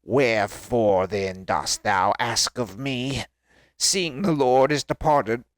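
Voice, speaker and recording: A man voicing an undead old male prophet, slow and solemn, with a strained throaty growl. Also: medium pitch, no room sound, lightly acted. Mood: ominous.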